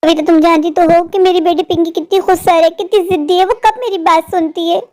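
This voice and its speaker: A woman voicing a worried, loving widowed mother of two daughters in a cartoon story, speaking quickly and pleadingly. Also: very high-pitched, steady tone, mellow.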